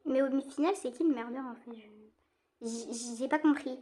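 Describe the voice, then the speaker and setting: A young woman from France giving casual, excitable commentary while she plays a game online, repeating herself and using slang. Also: sits high, moderate pace. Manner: slangy teen talk. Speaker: gaming streamer.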